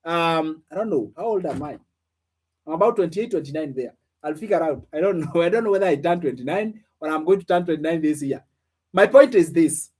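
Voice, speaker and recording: A man's voice: on the high side, animated, brisk, darkish tone, husky. A man in his late twenties giving a motivational business lesson, asking his listeners questions and repeating phrases for emphasis. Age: 20s. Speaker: online business coach. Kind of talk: motivational teaching.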